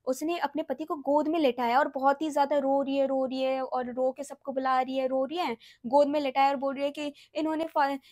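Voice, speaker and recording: High-voiced chatty young woman storyteller. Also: flat delivery, a little fast, few pauses, no room sound, studio quality. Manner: chatty, drops to a hushed murmur when acting out quotes. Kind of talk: casual storytime vlog.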